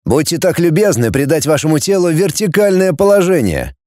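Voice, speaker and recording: Icy haughty male professor, as a man puts him on, formal, a bit higher, lively, mellow tone. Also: fairly quick, dry recording, studio quality. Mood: cold, superior. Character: cold, haughty male professor, middle-aged.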